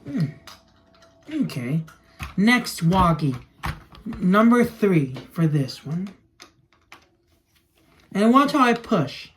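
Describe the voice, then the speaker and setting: This young man's voice sits high and swings widely in pitch, moving very slowly with frequent pauses. Recording a casual toy vlog in a small room at home, he narrates his actions as he handles the toys, with noise and clicks in the audio.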